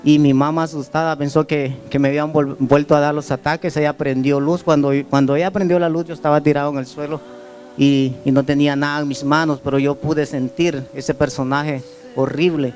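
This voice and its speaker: A man's voice: a little high, level tone, a little fast, darkish tone, faint music behind. Earnest man giving testimony. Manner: earnest storytelling, repeating words and restarting phrases. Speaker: church member giving testimony. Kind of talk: church testimony. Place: church service.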